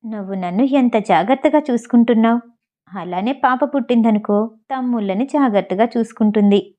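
A woman reading the lines of a young wealthy husband who is grieving and irritable, in a slower, softer voice. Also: fairly high pitch, muffled recording, lightly acted. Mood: affectionate.

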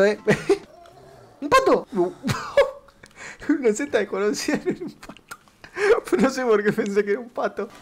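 A man with an Argentine Rioplatense accent giving let's-play commentary, excitable, swearing a lot and shrieking at scares. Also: high voice, a little hiss or hum. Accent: Argentine Rioplatense Spanish. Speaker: gamer.

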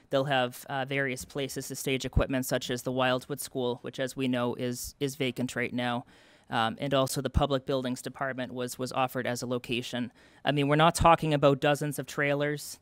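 A young man representing an event committee presents to the town board at a public meeting in a town hall meeting room. His mid-range voice is smooth with no echo, and he comes across as earnest and explanatory, though he uses many fillers and restarts.

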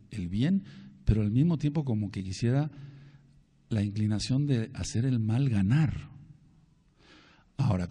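A man's voice: medium pitch, warm tone, husky. A man, a pastor preaching a sermon, telling a parable and repeating phrases for emphasis.

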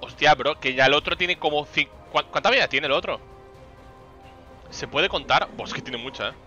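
A man's voice: a little high, moderate pace, bright, forceful tone, lo-fi sound, faint music behind. A young man with a Spain Spanish accent, chatting animatedly on a live game stream, telling an exasperated story and swearing often. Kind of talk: casual live-stream chat while gaming.

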